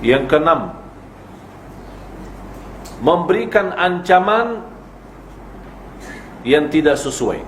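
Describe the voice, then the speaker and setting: Male preacher, fairly high voice, teaching style with rhetorical questions; echoey room, faint background noise. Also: very animated, very slow, long pauses, a bit bright. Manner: explains with rhetorical questions and acted examples. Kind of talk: religious lecture on parenting.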